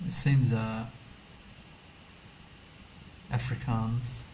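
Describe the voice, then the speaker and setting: A man's voice: medium pitch, level tone, extremely slow, darkish tone, slight background noise, poor audio. A man streaming a map game, thinking aloud casually as he mutters guesses and reads numbers to himself. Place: indoor streaming setup.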